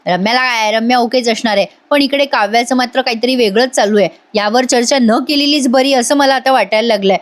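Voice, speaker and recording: A woman's voice: a little high, a little fast, hardly any pauses. A woman doing a chatty voice-over recap of a TV serial, talking straight to her viewers. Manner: chatty, addresses viewers directly. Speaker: TV serial reviewer.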